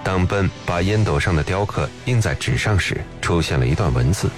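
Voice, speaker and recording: A man's voice: deep voice, lively intonation, brisk. A man reading scripted narration as the narrator of a film programme. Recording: music behind the voice. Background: background music.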